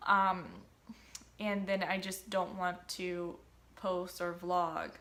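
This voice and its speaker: A woman's voice: on the low side, flat delivery, slow, fairly bright tone. A young woman fitness vlogger talks informally and somewhat hesitantly to her viewers in a casual chat to camera.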